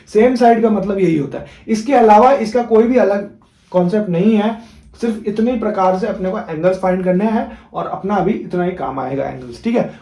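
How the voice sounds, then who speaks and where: Young male tutor, high and mellow voice, informal classroom chatter, echoey room. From India. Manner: chatty and informal, often checks in with "ठीक है" and speaks for the students. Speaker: math teacher. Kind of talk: casual classroom lecture.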